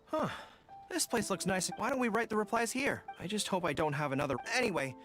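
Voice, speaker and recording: A man's voice: high-pitched, animated, fairly quick, fairly bright tone, soft background music. A man voicing an earnest, nervous young male resistance general in a video game. He covers his fear with bravado.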